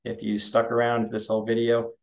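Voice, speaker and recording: A man's voice: medium pitch, completely flat delivery, brisk, gravelly. A middle-aged man, a school superintendent, walking through a board meeting agenda over a screen share in an informal, explanatory way, with frequent ums and restarts. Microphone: computer webcam mic.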